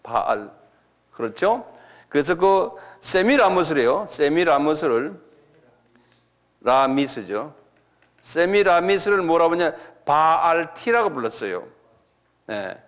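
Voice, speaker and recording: A male pastor giving a lecture-style sermon, repeating key words slowly and asking his listeners questions. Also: on the high side, big pitch swings.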